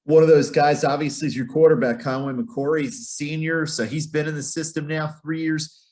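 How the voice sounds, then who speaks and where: A man's voice: on the high side, steady tone, a little fast, a little mellow. A man working as a sports interviewer, putting questions in a conversational way.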